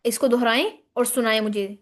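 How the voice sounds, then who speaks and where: A woman leads an online Quran lesson in a high voice. She explains pronunciation rules step by step, demonstrating each sound slowly for her students. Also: fairly even intonation. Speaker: Quran teacher.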